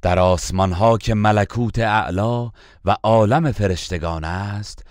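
Low-voiced man calmly reading a translation, steady and measured. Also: dry recording, studio quality. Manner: calm, even reading between verses.

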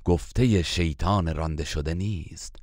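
A man reads a scripture translation verse by verse in a calm, measured way. His voice is deep and low, and his delivery stays even throughout. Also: no echo, studio quality.

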